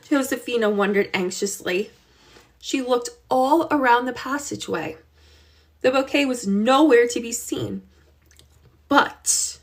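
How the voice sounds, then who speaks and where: A woman reading a children's chapter book aloud with expressive, unhurried storytelling. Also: fairly high pitch. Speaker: reader.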